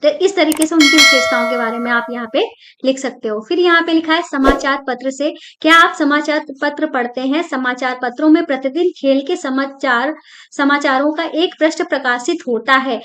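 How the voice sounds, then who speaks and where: A woman teacher patiently explaining a school textbook lesson to students, often pausing with "theek hai" and repeating her points. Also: high-pitched, a bit bright, a little hiss or hum.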